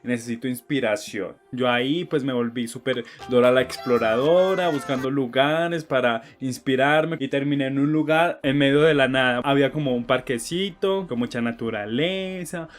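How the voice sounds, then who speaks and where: A young man tells a personal story to camera in a lively, joking way, swearing freely and talking straight to viewers. His voice sits at a middle pitch. Soft music hums behind him. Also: moderate pace, few pauses. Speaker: vlogger. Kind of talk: storytime vlog.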